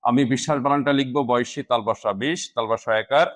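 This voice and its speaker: A man teaching a grammar lesson to students, speaking slowly and deliberately and spelling words out piece by piece. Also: medium pitch.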